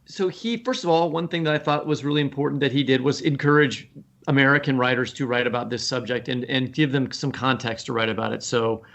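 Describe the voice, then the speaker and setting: A man appears as a guest writer on a literary podcast, speaking earnestly and thinking out loud as he explains his ideas. His mid-range voice is brisk and creaky with a fairly bright tone, and the exchange is conversational.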